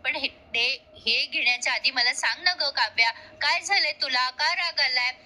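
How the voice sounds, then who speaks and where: A woman's voice: high-pitched, moderate pace, bright, forceful tone. A woman voicing a sweet-talking, prying young woman in a TV serial retelling, coaxing and overly sweet.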